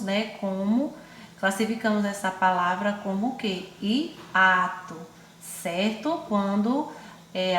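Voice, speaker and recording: A woman with a Brazilian accent teaching young children in an online class, speaking affectionately and stretching words out slowly syllable by syllable. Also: mid-range voice, a bit bright, reverberant, slight background noise. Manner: affectionate, calls pupils "my loves" and herself "auntie". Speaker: primary school teacher.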